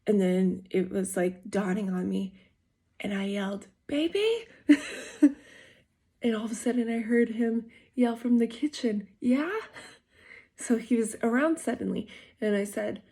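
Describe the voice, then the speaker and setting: A woman's voice: mid-range voice, fairly even intonation, moderate pace, dark tone, breathy edge. A young adult woman vlogging, telling a personal story in a casual, rambling way with many fillers and self-corrections.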